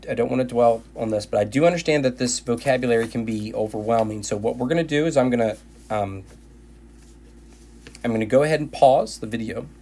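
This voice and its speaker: His voice is medium-pitched with a darkish tone, tired and going hoarse as he, a math teacher, teaches linear algebra in a recorded video lecture. He frequently restarts and repeats phrases.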